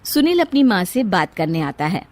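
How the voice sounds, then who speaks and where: A woman's voice: medium pitch, big pitch swings, normal speed. A woman narrator reading a scripted moral story.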